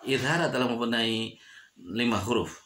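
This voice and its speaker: In this tajwid lesson, a man of medium pitch and slightly bright tone teaches the rules of Quranic recitation, with a little background noise audible. Every example word is recited slowly, stretched out, and said again.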